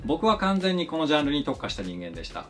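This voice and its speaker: A man's voice: fast, faint music behind. A man, a flair bartender, giving a polite, scripted explanation of his craft. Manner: polite, explanatory, lively pitch swings. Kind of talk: scripted educational narration.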